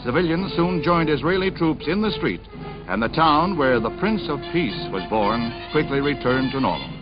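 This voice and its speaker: A man giving scripted narration for an old newsreel, in a brisk and dramatic announcer's delivery. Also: fairly high pitch, sing-song. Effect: old newsreel recording. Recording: dull lo-fi newsreel sound with music behind.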